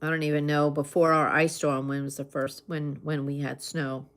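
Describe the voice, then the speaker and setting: A woman chatting casually in an unhurried, conversational way, with pauses as she replies to listeners. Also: deep voice, little pitch movement. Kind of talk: casual chat.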